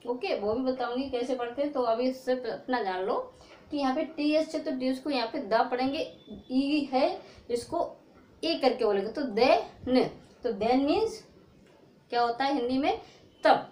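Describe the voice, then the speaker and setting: A woman's voice: sits high, unhurried, a little mellow. A woman teaching an English pronunciation lesson, asking questions and answering them herself. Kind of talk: classroom-style lesson. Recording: echoey room.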